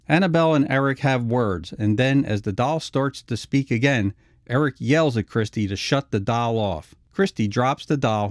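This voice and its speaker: A man's voice: mid-range voice, no echo, clean studio sound. A man narrating a scripted retrospective video essay.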